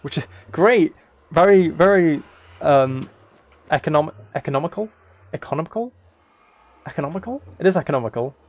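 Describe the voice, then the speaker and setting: Chatting casually while he livestreams a game, a British man from the United Kingdom rambles in a self-deprecating, apologetic manner. His slightly high voice is expressive, at a normal speed with frequent pauses, though the audio sounds dull.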